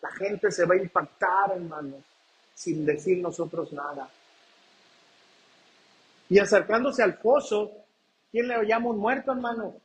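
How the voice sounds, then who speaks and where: A man preaching a sermon, asking the congregation questions and reading scripture slowly. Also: high-pitched, low-quality recording. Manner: reads scripture aloud slowly and deliberately. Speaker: pastor.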